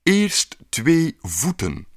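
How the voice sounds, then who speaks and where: A man voicing a patient sculptor in a children's story, explaining things slowly. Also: a little high, huge pitch swings, no room sound, studio quality, voice pushed up, full character voice. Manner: slow and explaining, drawn out. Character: patient, slow old sculptor.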